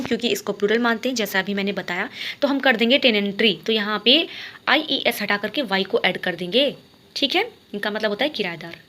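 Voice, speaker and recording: A woman teaching an exam-prep grammar lesson. She reads each sentence slowly, then explains it quickly and checks with "ok?". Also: on the high side, background noise.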